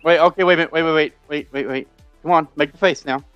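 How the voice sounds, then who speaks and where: A man's voice: on the high side, steady tone, quick pace, fairly bright tone, smooth, no echo, faint music behind. A man bantering as a guest in a casual live stream chat over a video call. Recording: dull, dry video call audio.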